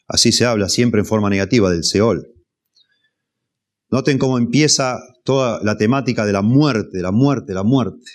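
A man preaching an expository sermon, measured and repeating key phrases for emphasis. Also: on the low side. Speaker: pastor.

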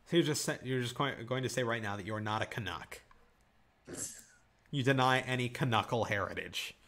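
A man's voice: mid-range voice, normal speed. A man co-hosting a podcast, from Michigan, chatting casually and reading things aloud with jokes. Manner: animated, reads aloud and jokes. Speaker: podcast co-host. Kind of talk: casual chat.

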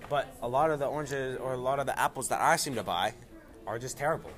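A man's voice: medium pitch, fast, fairly bright tone. A man chatting casually about food, rambling and playful, repeating words, sounding a bit stuffy.

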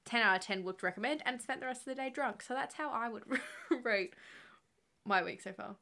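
Bright-voiced young woman chatting. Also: a little high, fairly quick, vocal fry. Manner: chatty and explanatory, lots of "like". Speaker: podcast co-host. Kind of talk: casual chat.

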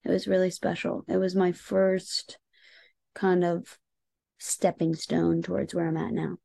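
This American singer-songwriter, an interview guest, has a lowish, creaky, dark-toned voice that stays fairly flat in pitch and moves at an unhurried pace. She talks casually and earnestly in an American accent, reflecting as she goes and frequently saying "like" and "you know".

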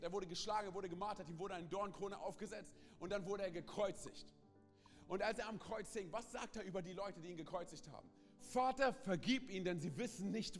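A man with a high voice preaches an emphatic sermon, keeps breaking in with quick asides to his listeners. His voice rings with the long reverb of a large hall, and faint music plays beneath it. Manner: emphatic, with frequent "hey" and "ganz kurz" interjections. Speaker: pastor. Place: church service hall.

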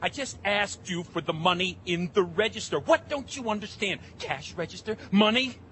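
A man's voice: high-pitched, normal speed, a bit bright, a little hiss or hum. An actor playing a callous, childish male robber with a whiny, hot-tempered manner. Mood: angry, petulant.

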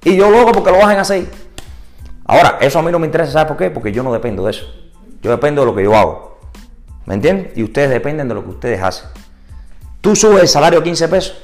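Speaking quickly over faint music, a man teaches a live real estate business class to agents in Spanish, mixing in English words. He's animated, asking the audience rhetorical questions and rising high and loud for emphasis before dropping low and quiet.

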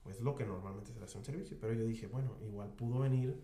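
A man's voice: lowish voice, fast, roomy sound. A man with a Mexican Spanish accent, slightly nasal, casually telling a story on a podcast, full of slang. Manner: slangy, animated anecdote teller, peppers speech with "güey". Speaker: podcast host.

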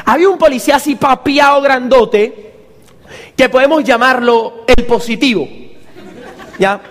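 A man's voice: very high-pitched, a little slow, long reverb tail. A man, a motivational speaker telling a comic story to an audience and acting out the other people's voices. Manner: lively, acts out the voices of others.

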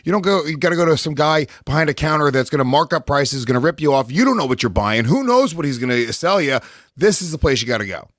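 A man co-hosting a podcast, talking quickly and bluntly with jokes, also reading an ad. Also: a little high, sing-song, a bit bright, no echo, clean studio sound. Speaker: podcast co-host. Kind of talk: casual podcast chat and ad read.

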